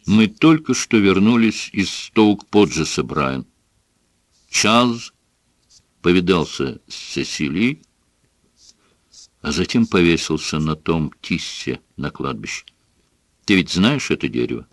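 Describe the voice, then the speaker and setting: A man voicing a quiet, serious man in an audiobook, speaking matter-of-factly. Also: low voice, very animated, slow pace, long pauses, no room sound, full character voice. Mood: sober. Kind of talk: audiobook character voice.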